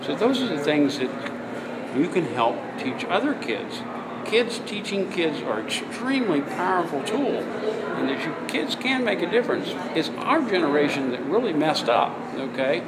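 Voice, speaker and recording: A man's voice: a little high, sing-song, moderate pace, a loud crowd, low-quality recording. A middle-aged man talking in a conversational educational interview, encouraging and often checking in with the listener. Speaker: youth programme leader and interviewer. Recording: loud ambient vehicle-like background noise.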